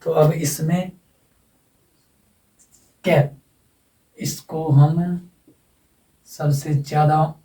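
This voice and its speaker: Male tutor with a mellow tone, patient and repetitive, recorded in a roomy space. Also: fairly high pitch, fairly even intonation. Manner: explains slowly with repetition and asides. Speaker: teacher. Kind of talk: classroom lecture on English phonetics. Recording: echoey room, from far off.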